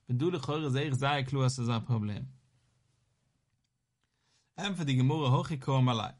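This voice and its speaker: A man giving a Talmud lesson, talking quickly in a rising and falling study chant. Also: medium pitch. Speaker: Talmud teacher.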